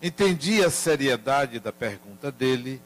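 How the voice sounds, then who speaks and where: An older man tells a family story in a slow, deliberate way. His voice sits at a middle pitch, and he pauses to reflect gently. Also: lively intonation, rough recording. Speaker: speaker telling a family story.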